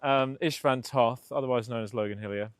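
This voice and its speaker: A man's voice: medium pitch, fairly even intonation, fairly quick, clear, resonant tone, no room sound. Man, host, jokey, laughs a lot, casual chat. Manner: jokey, laughs often, calls viewers peasants. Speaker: stream host. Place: outdoors in a city street.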